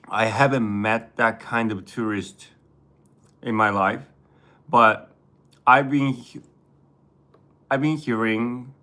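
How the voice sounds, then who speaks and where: A Japanese man with a Japanese accent, chatting casually on a livestream and reading chat, often halting and correcting himself. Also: lowish voice, pushed and bright. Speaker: vlogger reading live chat.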